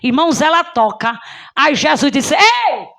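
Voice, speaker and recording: A woman's voice: high-pitched, lively intonation, normal speed, a crowd in the background. A woman preacher delivering an impassioned Pentecostal sermon at a prayer service, repeating praise cries and breaking into tongues.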